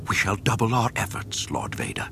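A man's voice: lowish voice, sing-song, a little fast, vocal fry, pushed and bright, a little hiss or hum, pitched above the performer's own voice, heavily acted. A man voicing a nervous middle-aged station commander, anxious and deferential.

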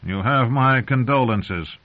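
A man's voice: medium pitch, takes it slowly, pitched above the performer's own voice, natural voice. A man voicing a proud, sardonic captive knight with a dry manner, on a dull lo-fi recording. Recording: dull lo-fi audio.

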